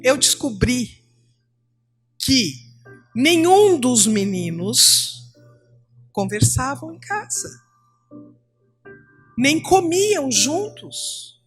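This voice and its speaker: A middle-aged Brazilian woman teaching at church, telling classroom stories and acting out the dialogue in a lively way. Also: high-pitched, drawn-out words, long pauses, husky, faint music behind. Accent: Brazilian Portuguese. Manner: animated storytelling, acting out dialogue.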